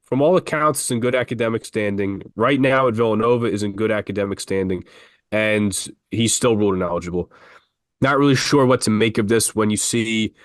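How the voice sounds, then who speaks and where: This basketball podcast co-host speaks fairly quickly in a fairly low voice. His casual sports talk wanders and his sentences keep restarting, all recorded dry without any echo.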